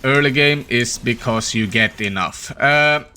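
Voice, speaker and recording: A man hosting a gaming channel, giving casual, tired, low-energy commentary as he thinks aloud while playing. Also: a little slow, bright, forceful tone. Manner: opens with a put-on peppy intro voice.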